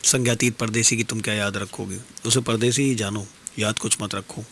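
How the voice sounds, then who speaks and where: A man performing dastangoi, voicing a calm, detached wandering stranger who consoles the queen with measured, philosophical words. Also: on the low side, husky. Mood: consoling. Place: radio studio.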